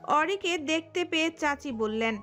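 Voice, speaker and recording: A woman narrating a romantic audio story in an expressive storytelling manner. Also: sits high, unhurried, soft background music.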